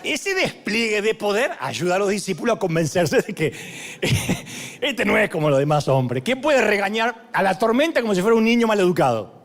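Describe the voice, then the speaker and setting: Animated Argentine pastor preaching. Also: male voice, sits high, moderate pace. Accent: Argentine Spanish. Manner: theatrical storytelling with acted voices and humor. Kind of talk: sermon.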